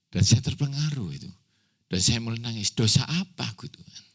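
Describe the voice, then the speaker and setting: A man's voice: medium pitch, animated, measured pace, slightly rough. A man preaching a sermon as pastor, telling a personal story with acted dialogue, close to tears.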